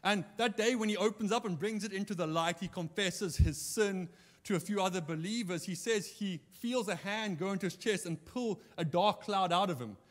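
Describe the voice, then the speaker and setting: Male preacher, high voice, animated storyteller, long church echo. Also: normal speed. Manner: animated anecdote-telling, acting out quoted dialogue. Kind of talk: sermon storytelling. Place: church hall.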